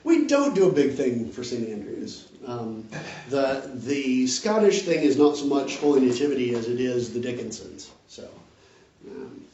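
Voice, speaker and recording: A man's voice: medium pitch, big pitch swings, unhurried, mellow. A man leading a casual parish question-and-answer session, explaining patiently and often checking in with "right?". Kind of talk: casual group discussion. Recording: roomy, distant, dull audio.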